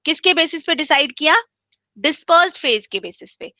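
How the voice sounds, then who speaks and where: Bright high-voiced woman teaching chemistry. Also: lively intonation, moderate pace, no echo. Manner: explains step by step, repeats key points; mixes English terms into speech. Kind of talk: online class lecture.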